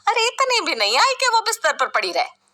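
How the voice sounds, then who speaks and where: A woman's voice: very high voice, wildly swooping pitch, fairly quick, voice pushed up, full character voice. A woman doing a harsh scolding mother-in-law. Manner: sharp, scornful, commanding.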